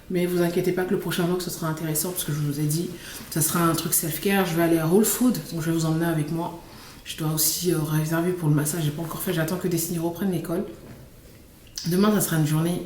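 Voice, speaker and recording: A woman's voice: on the low side, a little mellow, distant mic. A young woman vlogging casually to camera, rambling with lots of fillers and restarts. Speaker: beauty and lifestyle vlogger. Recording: echoey room with faint noise.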